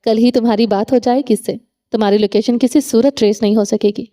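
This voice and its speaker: Woman reading brooding young man, curt, cutting, mellow tone, audiobook. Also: fairly high pitch, fairly even intonation, lightly acted. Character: brooding bitter young man, wealthy hero.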